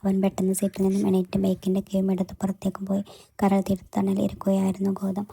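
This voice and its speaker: A woman narrating a romantic story in a soft, steady reading voice. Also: mid-range voice, fast, breathy edge.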